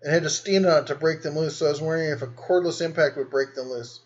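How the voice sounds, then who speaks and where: A man's voice: fairly high pitch, quick pace, lo-fi sound. A man hosting a casual live stream, reading and answering viewer comments in a rambling, easygoing way. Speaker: host.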